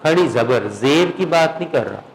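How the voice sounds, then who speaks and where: A man teaching Quran recitation in a classroom lesson, patiently asking his students whether they follow and slowly drawing out words to demonstrate. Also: on the high side, lively intonation, gravelly, a little hiss or hum, low-quality recording. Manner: patient, checks understanding with frequent questions.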